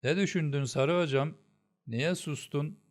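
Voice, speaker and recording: A man's voice: a little high, a little slow, pitched above the performer's own voice, natural voice. Man doing a cheeky clever boy prince.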